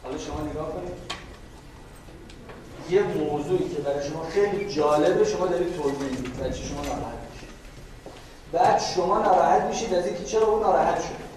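A man giving a slow, deliberate classroom lecture, explaining step by step and acting out everyday dialogue. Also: on the high side. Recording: echoey room, mic far off, background noise.

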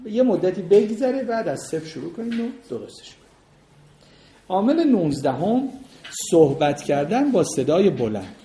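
A man's voice: high voice, very animated, warm tone, a little hiss or hum. Man lecturing on marriage in an echoey room. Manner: explains points by number, acts out sample dialogues between spouses. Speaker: marriage counselor teaching a class. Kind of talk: lecture with audience questions.

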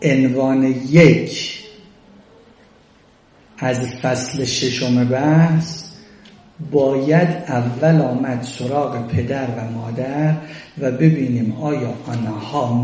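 A man giving a religious lecture on parenting, animated, acting out quoted lines as he talks. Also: medium pitch. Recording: echoey room.

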